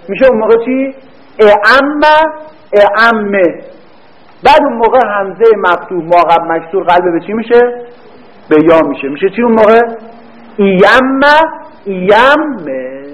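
A man teaching a grammar class who quizzes his students, answers his own questions, and drags words out slowly when he repeats them. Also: high voice. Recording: dull lo-fi recording.

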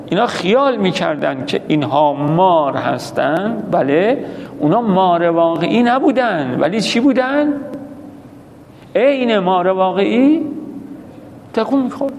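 Speaking in a high, gravelly, darkish voice, this man gives a religious lecture built on anecdotes. He acts out quoted dialogue and answers his own questions, recorded in an echoing hall with a little background noise.

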